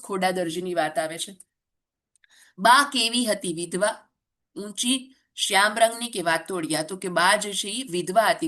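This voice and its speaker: A woman's voice: mid-range voice, fairly bright tone. A woman teacher, running a chatty, joking exam revision lesson full of rhetorical questions.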